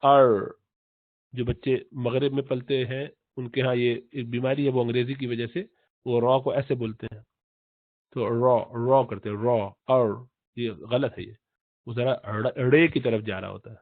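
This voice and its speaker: A man's voice: medium pitch, steady tone, dry recording. Man teaching Quran pronunciation over tinny audio. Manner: explains slowly, repeats letter sounds, drawn-out chanted recitation. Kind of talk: tajweed lesson in Urdu. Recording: tinny phone-like audio, dry.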